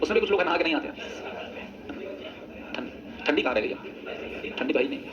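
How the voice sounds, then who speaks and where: A man's voice: fairly high pitch, animated, fairly quick, highs cut off, background noise. A man teaching English grammar in a coaching classroom, drilling students in chorus and teasing them with chatty asides. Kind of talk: classroom lecture with choral drills.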